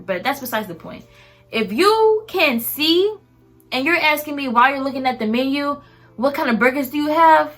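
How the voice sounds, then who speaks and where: A young woman in a casual storytime rant about fast food work, animated and mimicking customers. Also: mid-range voice. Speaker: vlogger and fast food worker.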